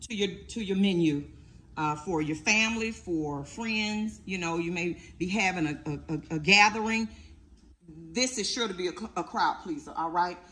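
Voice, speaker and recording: Middle-aged woman cooking show host; talkative, emphatic, checks in with viewers, average pitch. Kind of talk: casual cooking demonstration.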